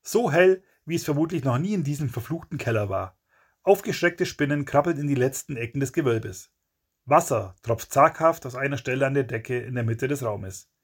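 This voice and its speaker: A man's voice: mid-range voice, expressive, moderate pace, husky. A man narrating a crime story in a dramatic, punchy audiobook reading.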